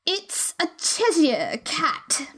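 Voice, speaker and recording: A woman reading a storybook voices a rude, short-tempered noblewoman with a hoarse, growling manner. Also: sits high, wildly swooping pitch, drawn-out words, a bit bright, pitched above the performer's own voice, heavily acted. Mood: curt. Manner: blunt and curt.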